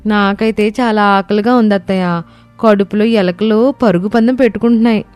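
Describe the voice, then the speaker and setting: A woman's voice: mid-range voice, fairly even intonation, moderate pace, darkish tone, smooth, no echo, soft background music, close to an everyday voice. A woman doing an eager young daughter-in-law.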